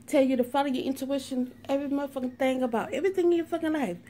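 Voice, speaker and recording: A woman's voice: high voice, rapid-fire, warm tone, slight background noise. A woman doing a sassy, profane tarot reading in a brash, sarcastic way, swearing constantly. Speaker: tarot reader.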